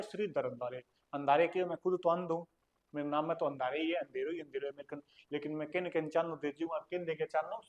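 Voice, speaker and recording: A male teacher with a Rajasthani accent, his voice sitting a little high. He hammers home each point by saying it again and again, fires quick questions at his class and answers them himself, mixing in folksy dialect jokes. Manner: drills points by repeating and quizzing students. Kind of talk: online exam-prep lecture.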